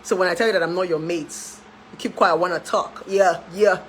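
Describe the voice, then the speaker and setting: A woman's voice: lowish voice, fairly even intonation, a little fast, a little hiss or hum, poor audio. A woman in her thirties with a Nigerian accent, a relationship therapist chatting to her followers about her life, laughing often and dropping into pidgin. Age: 30s. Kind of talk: casual chat to camera.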